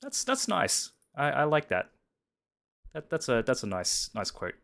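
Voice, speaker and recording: A man's voice: medium pitch, huge pitch swings, measured pace, creaky, a bit bright. A man hosting a casual live stream chat, often repeating and restarting his words as he talks. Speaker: stream host.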